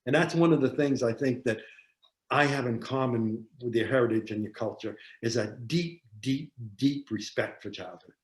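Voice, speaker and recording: A man giving a seminar talk, telling a story in an animated way and repeating phrases for emphasis. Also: mid-range voice, normal speed. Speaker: seminar presenter on parenting. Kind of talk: storytelling lecture. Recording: roomy echo.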